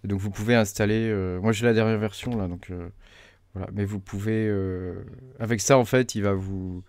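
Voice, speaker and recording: A man talking through a software setup tutorial, hesitant with many fillers as he clicks along. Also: fairly low pitch, fairly even intonation, normal speed, no room sound. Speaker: crypto mining tutorial host. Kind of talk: casual screen-recorded tutorial.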